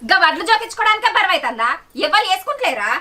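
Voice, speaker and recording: A young woman with a Telangana Telugu accent, acting as a sharp-tongued daughter-in-law who fires back insults. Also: extremely high pitch, sing-song, racing, exaggerated voice. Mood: defiant. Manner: retorting, insulting. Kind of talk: village short-film acting. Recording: background music under dialogue. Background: film music.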